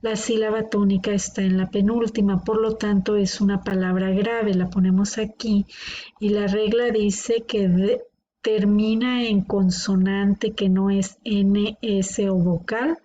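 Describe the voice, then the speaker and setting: Speaking at a measured pace with a flat delivery, a woman with a mellow, mid-range voice gives a classroom grammar lesson. She patiently splits words into their syllables. The recording has a dull lo-fi quality and faint noise.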